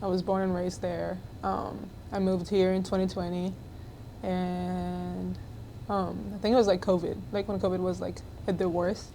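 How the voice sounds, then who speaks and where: A woman's voice: on the low side, normal speed, slight background noise. A young woman from Israel, a college basketball player, chatting casually as a podcast guest, with lots of fillers and easy laughter. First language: Hebrew. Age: 20s. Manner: relaxed, many fillers, laughs easily.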